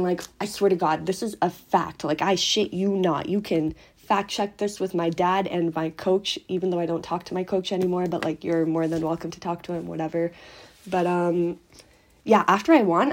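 A young woman talking casually in a birthday voice recording, rambling and filling her talk with "like" and quick self-corrections. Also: fairly low pitch, darkish tone. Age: young adult. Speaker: sister-in-law sending a birthday voice recording. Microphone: phone voice recording.

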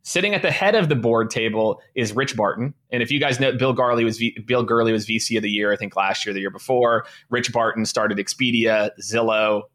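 Brisk and barely pausing, a man in his late thirties, a sales leader guesting on an interview, talks in a voice on the low side with a bit of brightness. He stays casual and upbeat, often saying "you know" and frequently restarting.

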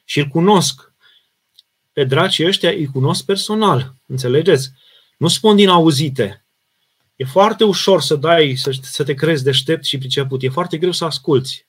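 A man from Romania, serving as a parish priest, answers questions from viewers in a live session. He speaks earnestly and with emphasis, in a voice pitched slightly high for a man, often breaking off and restarting his sentences. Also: husky. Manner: reads out viewer questions and answers them plainly.

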